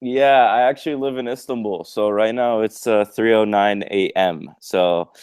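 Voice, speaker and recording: A young man from Egypt with an American accent, a program manager talking in a relaxed, friendly way over a video call, with fillers and kept fairly quiet. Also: lowish voice, normal speed, clean tone, no room sound. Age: young adult.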